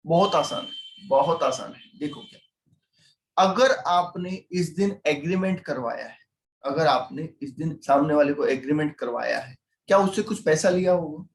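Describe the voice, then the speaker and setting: Indian male tutor, slightly high voice, quizzes students as he explains, echoey room. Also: lively intonation, moderate pace, a little hiss or hum. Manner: explains with everyday role-play examples, asks students questions. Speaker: CMA teacher. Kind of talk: online class lecture.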